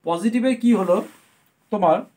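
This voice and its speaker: Grammar teacher, woman, middle-pitched, patient step-by-step explainer who keeps checking that her students follow. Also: normal speed, mellow.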